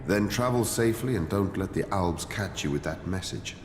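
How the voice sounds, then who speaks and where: A man's voice: low-pitched, moderate pace, background noise. An actor playing a stern, haughty male cleric leader in a video game, speaking formally and condescendingly. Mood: stern, disdainful. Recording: echoey hall reverb, music underneath.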